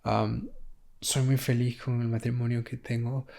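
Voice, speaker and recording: Man as a podcast guest sharing his faith testimony, reflective and unhurried, pausing with fillers. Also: medium pitch, level tone, creaky, mellow. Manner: reflective, with many pauses and fillers.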